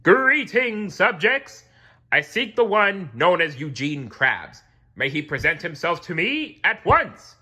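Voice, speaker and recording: A man's voice: high voice, sing-song, slow pace, sharp tone, slightly rough, pitched above the performer's own voice, exaggerated voice. A man reading aloud while voicing a pompous, thundering male merman king in a kingly manner. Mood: commanding.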